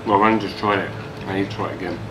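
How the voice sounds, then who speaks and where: A young Englishman with a low voice talks fast with fairly even intonation while eating at a wooden table in a small room, giving a casual food review. A camera across the table captures him, and the ambient room noise is heavy.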